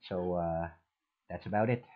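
A man reviewing a product through a gaming headset mic in a small room, his voice muffled and made quieter by noise suppression, talking with many fillers and restarts. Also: low voice, unhurried. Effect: software noise suppression that makes the voice quieter and thinner. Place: small hot room with two fans.

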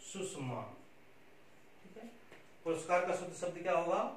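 His voice is high and steady, and he moves at a quick pace through a Hindi spelling lecture. Coaxing and instructive, he repeats "theek hai," meaning okay, after almost everything, recorded in a very reverberant room on a distant mic with faint hiss.

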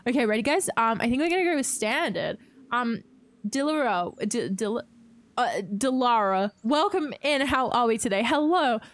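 Bubbly, excitable young woman streamer. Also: fairly high pitch, moderate pace, no echo. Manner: bubbly and excitable, greets chat, gasps often. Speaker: game streamer. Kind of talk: casual live-stream chat.

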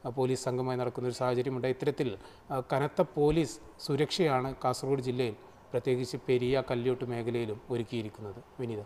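A man with a Kerala accent reporting live from the field, halting often with fillers and restarts. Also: mid-range voice, fairly even intonation, a little mellow. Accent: Malayali, Kerala. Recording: faint background noise.

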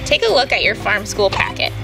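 Young woman, farm educator, patient step-by-step teaching, mid pitch, music behind. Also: very animated, fairly quick, vocal fry, low-quality recording. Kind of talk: instructional demonstration.

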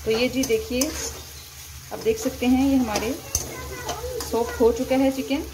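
Higher-voiced woman talking over sizzling frying. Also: unhurried, background noise. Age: adult, mother of a young son. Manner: calm, explains step by step to viewers. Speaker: cooking vlogger. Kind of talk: home cooking demonstration. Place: home kitchen at the stove. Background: frying and stirring in a wok.

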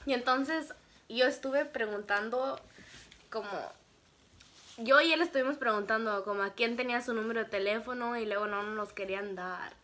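A woman's voice: fairly high pitch, moderate pace. A young woman telling a casual storytime, laughing often and acting out what people said. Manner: animated, laughs often, acts out quotes. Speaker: vlogger telling her story.

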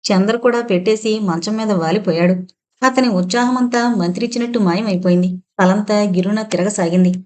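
Woman, audiobook narrator, scripted suspense narration, steady delivery, mid-pitched voice. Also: brisk.

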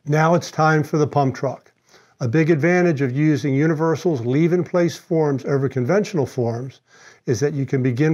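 A man in his sixties, a company spokesman, presenting a scripted step-by-step product walkthrough in a steady, instructional way, recorded in a studio on a lapel mic. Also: fairly high pitch. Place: studio against a dark backdrop. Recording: slightly dull lo-fi sound.

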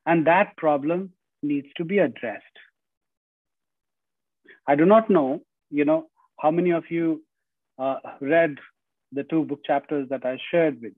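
Speaking from a room in his home, this guest speaker delivers an earnest lecture over a video call using earbuds. He is a middle-aged man with an Indian accent whose voice sits on the high side; he is unhurried, pauses at length, keeps saying "you know," and frequently restarts phrases. No room sound comes through, leaving the call audio dry and tinny.

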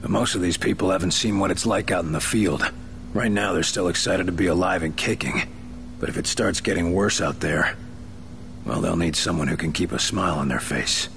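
An actor playing a stern, hard-bitten field agent in a video game, terse and commanding. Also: male voice, deep voice, fairly quick, gravelly, fairly bright tone, slight background noise. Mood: guarded, weary. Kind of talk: video game cutscene acting.

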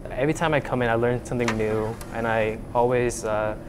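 A man's voice: mid-range voice, fairly even intonation, brisk, a little hiss or hum. A young man from Vietnam, an undergraduate researcher, explaining his lab work with frequent fillers and restarts, recorded on a lapel mic in a lab. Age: young adult. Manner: hesitant, many fillers and restarts. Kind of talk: casual explanatory interview. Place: university lab, indoors.

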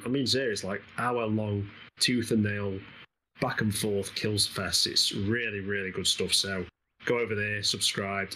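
Commentating a co-op game for his channel, this man from England's East Midlands chats and meanders, often breaking into laughter. He has a lowish, bright, forceful voice, and the low-quality recording carries slight background noise.

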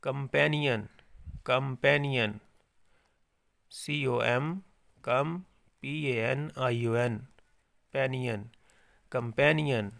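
A man teaching an English spelling lesson, slowly repeating each word and spelling it letter by letter. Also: mid-range voice, vocal fry, fairly bright tone, dry recording, clean studio sound. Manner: slow, repetitive dictation, repeating each word several times.

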